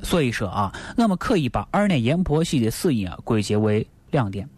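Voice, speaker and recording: Animated woman hosting radio commentary. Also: rumbling low, a little fast, husky. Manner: rhetorical questions, playful dramatizing. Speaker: radio host. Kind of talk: storytelling commentary.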